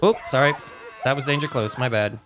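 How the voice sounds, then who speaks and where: A man's voice: mid-range voice, fairly quick, background noise. A man doing casual gameplay commentary as a streamer, playful and theatrical, talking to himself and to his audience. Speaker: gaming streamer.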